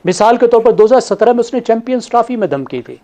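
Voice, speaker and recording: A man on a TV panel, laying out his analysis point by point in a measured way. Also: very high voice, animated, warm tone. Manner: measured, listing points in order.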